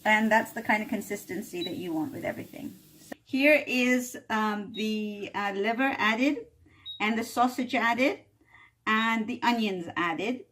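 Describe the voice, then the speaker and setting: Speaking unhurriedly in a medium, somewhat bright voice, a cooking channel host explains a recipe at home in a chatty, informal style. She keeps checking in with "all right?" and coughs lightly from chili fumes. Slight background noise is audible.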